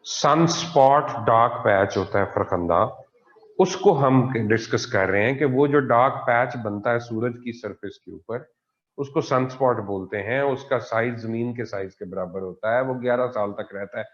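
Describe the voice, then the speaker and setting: Male science teacher, patient and repetitive, mid pitch, dull lo-fi online audio. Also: unhurried. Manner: patient, repetitive explaining with frequent "theek hai ji". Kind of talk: online class lecture.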